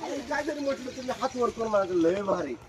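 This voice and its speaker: High-voiced man running a magic show. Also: racing, over a noisy crowd. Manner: lively, coaxing, joking with the audience. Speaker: stage magician. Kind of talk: live magic show patter to a crowd.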